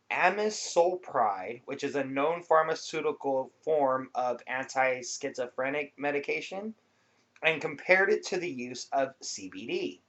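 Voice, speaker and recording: This man's voice is medium in pitch and fairly bright as he addresses viewers like a vlogger, explaining things in a relaxed, rambling style. It's informal talk captured with dull, lo-fi sound.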